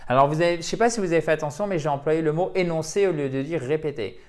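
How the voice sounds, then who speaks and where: Man teaching English, slightly high voice. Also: quick pace, darkish tone. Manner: explains patiently, checks in with "ok?" often. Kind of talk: language lesson for French speakers.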